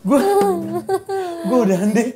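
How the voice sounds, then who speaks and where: A young woman, an actress telling animated stories in casual chat, laughing and swearing freely. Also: medium pitch, unhurried, music in the background. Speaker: actress and social media personality.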